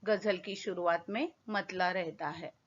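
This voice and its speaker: A woman teacher slowly explaining a poem in a school lesson, asking her pupils questions as she goes. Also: lowish voice, steady tone, breathy edge. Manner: slow, patient classroom explaining with questions to pupils. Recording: dull lo-fi recording.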